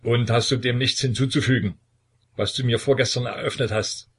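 Male reader as a raging, domineering older tsar; husky, shouting accusations. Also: medium pitch, fairly even intonation, a little fast. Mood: stern. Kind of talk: audiobook character voice.

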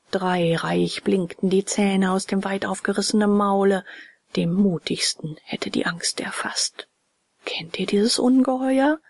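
A woman narrating a children's storybook in a hushed, often whispery voice. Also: mid-range voice, gravelly, husky, no echo. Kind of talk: storybook reading.

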